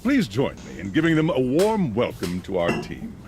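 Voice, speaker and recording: An actor playing a glib, upbeat corporate welcome announcer reading scripted narration for a game. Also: male voice, medium pitch, huge pitch swings, normal speed, a little mellow, a little hiss or hum.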